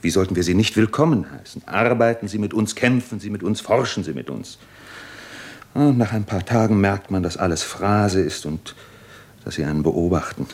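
An actor playing a weary, fearful, hesitant and resigned doctor in a German radio play. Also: male voice, deep voice, normal speed, a little mellow. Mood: bitter, uneasy. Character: weary, fearful male Russian doctor, Jura Schiwago.

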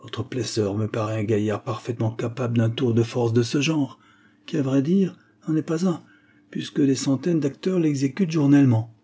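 A man reads a composed, sharp-minded detective in an audiobook. The voice is mellow and a touch husky, and it stays steady and certain as the detective explains himself. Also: mid-range voice, moderate pace, natural voice. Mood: assured. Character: calm, confident male detective, sharp-minded. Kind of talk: audiobook character reading.

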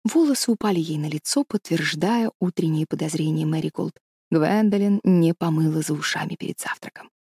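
Woman reading a kids' story out loud, calm steady narration, warm darkish voice, dry close mic. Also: low voice, brisk, husky, dry recording. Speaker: audiobook narrator.

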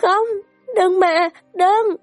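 A woman voicing a tender, devoted young noblewoman who speaks softly and gently, in a storybook reading. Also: high-pitched, moderate pace, no room sound, soft background music, pitched above the performer's own voice, natural voice. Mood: pleading. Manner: soft and gentle, turning to pleading cries.

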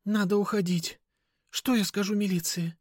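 Casting: male reader voicing an upset young woman, raised high voice. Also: steady tone, normal speed, no room sound, clean studio sound. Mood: tearful. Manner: shouting, near tears. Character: distraught furious young woman.

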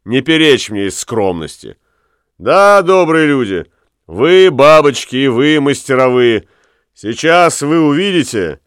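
A brash young trickster who shouts his boasts and taunts with a grin in the voice, as a man reads him aloud. He pitches up high and gets loud, with lively swings in tone. The sound is dry and close. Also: no echo. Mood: boastful. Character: cocky young male prankster, mocking and boastful.

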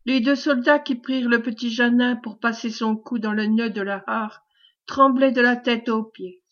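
A woman reading a classic novel aloud as an audiobook, measured storytelling. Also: a little high, steady tone. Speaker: audiobook reader. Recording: dull lo-fi recording.

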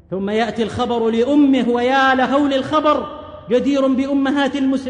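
A man preacher telling stories in an impassioned, oratorical sermon, with rhetorical flourishes and recited verse. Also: very high voice. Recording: echoey hall with long reverb.

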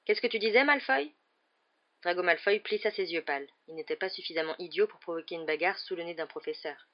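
Low-voiced woman reading a novel. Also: lo-fi sound. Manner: steady, measured reading. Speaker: audiobook narrator. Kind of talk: scripted narration.

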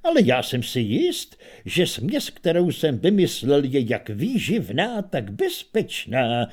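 A man voicing a curious inventor who explains things in a calm, conversational, self-assured way. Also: medium pitch, slightly rough, voice pushed down.

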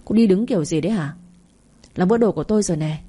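A woman voicing a loud, bullying swindler woman in a storybook reading, shouting accusations and wailing for bystanders. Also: lowish voice, fast, slightly rough. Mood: accusing.

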